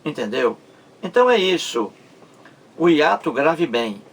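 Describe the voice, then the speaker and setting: Slow, gravelly-voiced male teacher. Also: fairly high pitch, very animated, a little hiss or hum. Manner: slow, stretches out words syllable by syllable, asks rhetorical check-ins. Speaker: Portuguese grammar teacher. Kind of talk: explanatory video lesson.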